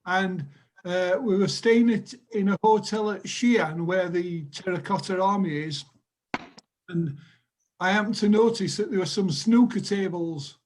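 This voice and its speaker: High-voiced older man from Sheffield telling a story. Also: fairly even intonation, measured pace, low-quality recording. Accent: Sheffield English. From England. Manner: chatty storyteller, laughs at his own jokes. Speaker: group member telling a story. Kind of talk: casual anecdote on a video call. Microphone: video call.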